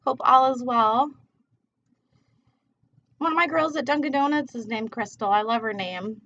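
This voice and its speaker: A woman's voice: fairly high pitch, measured pace, a bit bright. A woman chatting casually on a livestream as a tarot reader, rambling in a laid-back, slangy way while she smokes. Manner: smoking while talking. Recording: dull, muffled lo-fi livestream audio.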